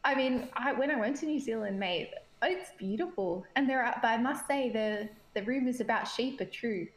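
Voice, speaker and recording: A woman chats on a podcast, excitable and often breaking into laughter. Her voice sits a little high. The recording carries a noticeable room echo. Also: moderate pace. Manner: giggly, excitable. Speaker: podcast co-host. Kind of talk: casual chat. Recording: echoey room.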